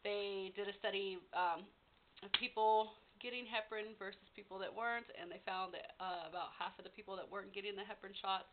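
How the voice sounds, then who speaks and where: A woman's voice: medium pitch, steady tone, fairly quick. A woman giving a casual, candid, rambling update to viewers in an unscripted vlog style. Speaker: vlogger. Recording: tinny phone-like sound, background hiss.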